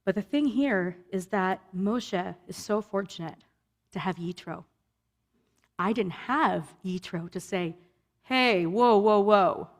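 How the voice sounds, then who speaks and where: Woman cantor, sermon, earnest and personal, voice climbs high on quoted questions, halting restarts.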